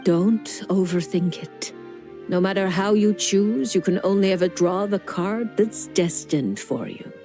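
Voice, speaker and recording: A woman playing a creepy, knowing old witch-like fortune teller in a video game, speaking in a measured, cryptic and teasing way. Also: medium pitch, mellow, soft background music, lightly acted. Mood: amused, knowing. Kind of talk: video game character dialogue.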